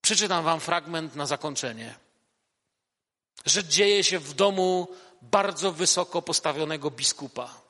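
A man's voice: a little high, animated, a little slow, pushed and bright. Male preacher in an echoey hall. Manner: addresses listeners directly with questions. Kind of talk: sermon with a read-aloud passage.

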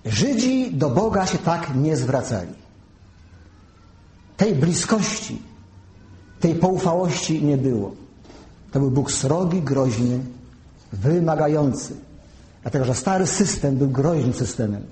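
A man giving a sermon, teaching slowly and carefully and spelling out terms one by one. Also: fairly high pitch, big pitch swings, mellow. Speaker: preacher. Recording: echoey room.

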